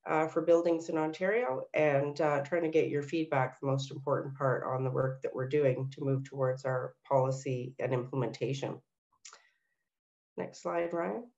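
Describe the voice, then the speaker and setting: A woman's voice: low voice, darkish tone. Woman, nasal voice, webinar presenter, policy planner, many ums and uhs, slightly muffled lo-fi audio. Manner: frequent ums and uhs, asks for next slides. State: recovering from illness, nasal. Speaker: senior city policy planner hosting a workshop.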